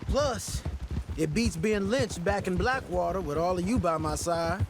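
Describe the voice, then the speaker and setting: An actor playing an eager, earnest young American outlaw in a Western video game. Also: male voice, sits high, measured pace, background noise. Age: young adult. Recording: outdoor nature and horse sounds behind.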